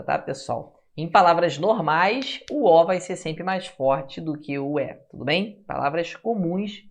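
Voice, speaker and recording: A man's voice: fairly high pitch, highs cut off. A man with a Brazilian Portuguese accent giving a class lecture. He keeps checking in with the class with tag questions and sounds out syllables to show how they work. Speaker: teacher.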